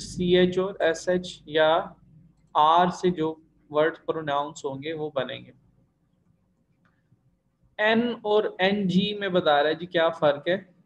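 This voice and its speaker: A man's voice: fairly high pitch, slow pace, pauses often, poor audio. A man teaching an online language class, explaining pronunciation patiently and drawing out example syllables. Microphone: online class recording.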